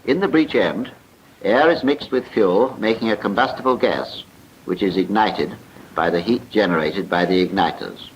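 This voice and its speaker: This voice-over for a film features a British man with a lowish voice speaking at a moderate pace. His scripted narration is formal and precise, like a 1940s military training film, and the soundtrack is muffled and noisy in the period style.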